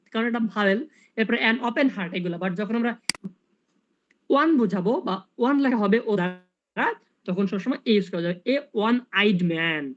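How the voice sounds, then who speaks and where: Fast-talking man tutoring English grammar. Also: high voice, dull audio. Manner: explains step by step, asks rhetorical questions. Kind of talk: casual online tutoring.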